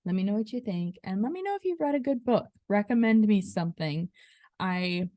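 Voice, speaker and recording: A woman's voice: medium pitch, expressive, brisk, mellow, dry recording, clean studio sound. A young woman fitness instructor hosting a casual solo show, talking in a chatty, rambling way with many fillers and restarts. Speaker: podcast host and fitness instructor.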